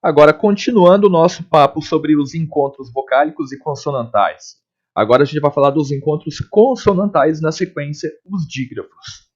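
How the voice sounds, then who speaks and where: A man teaching a recorded grammar lesson, explaining step by step, checking in often and spelling out letters and sounds slowly. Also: fairly high pitch, animated. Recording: dull lo-fi recording.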